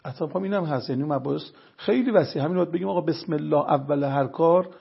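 A man with a fairly high, creaky, slightly rough voice gives an explanatory storytelling talk as a guest lecturer on religion and health. He takes his earnest points one by one and uses stories to make them, and the audio is dull.

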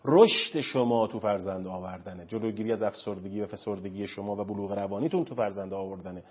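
A man's voice: lowish voice, slightly rough. A man speaking as a counselor on a talk show, earnest and emphatic, lecturing. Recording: dull lo-fi recording.

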